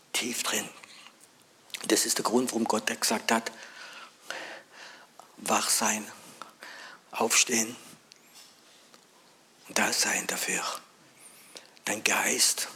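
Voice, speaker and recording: Preacher swinging from hush to urgent calls. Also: male voice, on the low side, slightly rough. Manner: swings between hushed near-whispers and loud urgent calls; asks the audience questions. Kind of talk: sermon.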